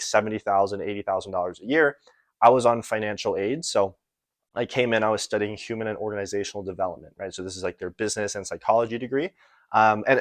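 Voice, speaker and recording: A young American man with a fairly low voice speaks like an online business and sales coach, giving a casual, unscripted motivational explainer to camera. He rambles a little in a conversational way, often checking in with the listener by tagging phrases with "right?". The recording is dry.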